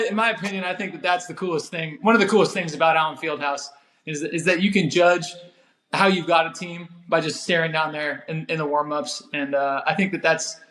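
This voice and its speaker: A man in his twenties with a fairly high voice. He talks casually about sports as a former player would, starting and restarting phrases and repeating them for emphasis. The recording is clearly roomy. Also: fairly bright tone. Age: 20s. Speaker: former college basketball player. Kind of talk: casual sports podcast conversation. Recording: roomy, echoey sound.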